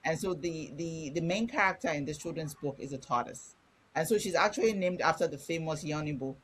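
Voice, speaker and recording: This low-pitched, fairly quick voice with a breathy edge belongs to a middle-aged Nigerian woman from Ibadan who has a Nigerian accent. Appearing as a guest author in a conversational interview, she speaks frankly and explains in a chatty way.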